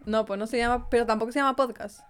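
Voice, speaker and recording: A woman's voice: fairly high pitch, steady tone, fast talker, smooth. A young woman with a Chilean accent, co-hosting a casual podcast and reading listener messages aloud. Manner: chatty, giggly, reads aloud. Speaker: podcast co-host.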